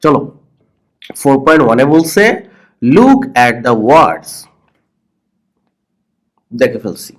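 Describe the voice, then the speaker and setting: A Bangladeshi man teaching English to children with a cold, repeating words slowly and saying the first syllable loudly and the rest softly. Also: mid-range voice, sing-song. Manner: playful teasing of pupils. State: has a cold. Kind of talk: slow explanatory lesson for children.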